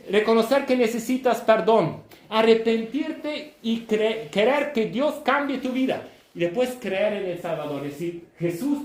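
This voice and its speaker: Emphatic preacher man. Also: high-pitched. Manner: emphatic, often checking with "¿sí?", half shouting. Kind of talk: sermon. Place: church hall. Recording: echoey church room.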